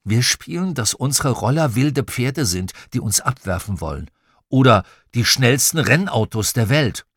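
A man narrating a children's audiobook, telling the story in a lively, expressive way into a close studio mic. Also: medium pitch, measured pace, dry recording. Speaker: audiobook reader.

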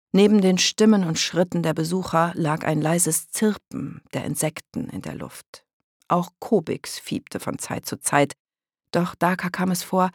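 An audiobook narrator reads a children's story at a steady, even pace. The voice is husky with a gravelly edge. The recording is dry and close. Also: mid-range voice, dry recording. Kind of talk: scripted children's book narration.

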